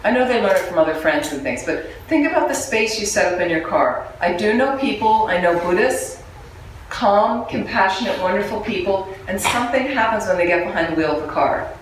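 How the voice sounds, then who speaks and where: A woman gives a relaxed, humorous Buddhist teaching and keeps turning questions back to her listeners. Her voice rings through a strongly reverberant room. She sits away from the microphone, with a faint murmur of ambience underneath. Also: medium pitch, a little fast, recorded from a distance, slight background noise. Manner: conversational, humorous, asks the audience questions. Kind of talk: dharma talk to a live group.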